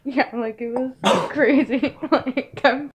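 Giggly high-voiced woman. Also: steady tone, slow, crowd noise. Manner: giggly, protesting. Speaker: vlogger's partner. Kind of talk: casual chat. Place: at home, bedroom. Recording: noisy home vlog recording.

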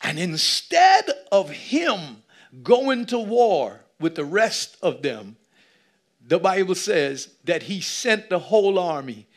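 A man in his thirties preaching a lively sermon on a church stage, swinging from shouts to low asides and acting out little scenes. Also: takes it slowly. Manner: animated preaching, shifting between loud shouts and low asides. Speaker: pastor. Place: church stage with a seated audience.

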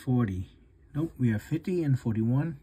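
Male vlogger, husky voice, hiccups, calm number-by-number scratch-off narration. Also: moderate pace. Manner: reads numbers one by one, relaxed and low-key. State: has the hiccups. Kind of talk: casual narration while scratching tickets.

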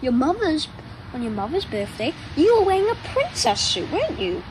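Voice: high voice, very animated, moderate pace. A nine-year-old child chatting casually and playfully to a pet dog, rambling affectionately, recorded outdoors. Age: child, nine years old. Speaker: young vlogger talking to a pet dog. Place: outdoors on a patio chair. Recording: noisy outdoor ambience.

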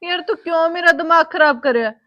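An actress playing a sharp-tongued young village woman with a Punjabi accent, firing back mocking retorts. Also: very high voice, a little fast, lo-fi sound.

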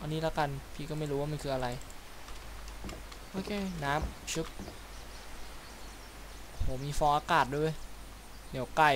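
A man talks his way through a game session in a casual, chatty let's-play style. His voice sits a little high, and he peppers his talk with playful mouth sound effects. Game sounds play loudly underneath. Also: little pitch movement, measured pace, long pauses, noisy background. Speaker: gaming YouTuber. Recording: loud game sounds behind voice.

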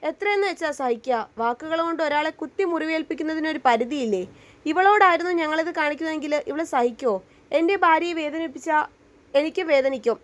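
Woman voicing a steady protective husband, high light voice, firm yet gentle. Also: a little fast, close to an everyday voice. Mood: angry.

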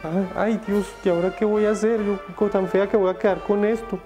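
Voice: fairly even intonation, fairly quick, over music, natural voice. A narrator doing a whiny, spirited young princess. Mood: fretting. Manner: whiny, indignant, high-pitched.

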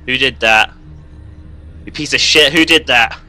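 A man's voice: medium pitch, a little slow, pushed and bright, faint music behind. A young man, nervously commenting and swearing while playing a horror game for viewers. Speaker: gaming video host.

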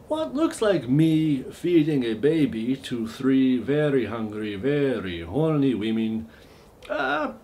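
A man playing a genteel vampire host with a mock Eastern European accent in a comic monologue, halting and overly polite, with awkward deadpan asides. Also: medium pitch, a little hiss or hum. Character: Count Dracula, genteel vampire host fond of lame jokes.

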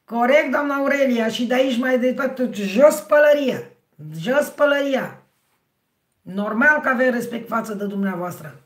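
A middle-aged woman with a hoarse, husky voice, hosting a livestream and chatting with her viewers by name. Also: high-pitched. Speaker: livestream host. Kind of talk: casual livestream chat with viewers. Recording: roomy, echoey sound.

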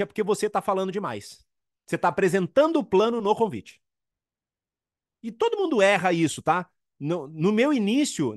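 Brazilian male trainer, high animated voice, punchy repeated points, dry close sound. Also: no room sound. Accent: Brazilian Portuguese. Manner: emphatic, repeats key points, acts out quoted dialogues. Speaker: network marketing trainer. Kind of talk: motivational training talk.

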